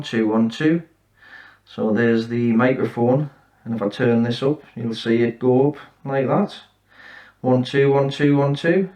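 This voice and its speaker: A man hosting a repair channel, calmly walking through a fix in a casual, matter-of-fact way and counting off mic checks. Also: mid-range voice.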